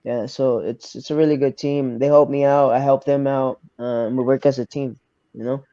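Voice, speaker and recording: A young man from Arkansas, a fighter answering interview questions quietly, pausing to search for words. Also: medium pitch, little pitch movement, dry recording, dull audio. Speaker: MMA fighter, guest. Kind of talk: casual interview.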